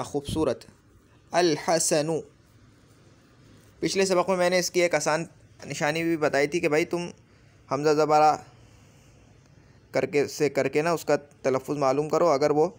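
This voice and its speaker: Patient Urdu-accented male grammar teacher. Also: on the high side. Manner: patient, repeats words slowly for drilling. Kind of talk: explanatory lesson.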